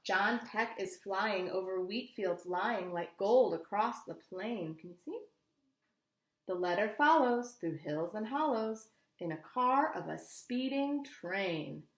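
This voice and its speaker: A woman with a medium-pitched voice reads a picture book in a teacherly way, in an echoey room. She narrates with expressive, deliberate care and explains things simply for kids.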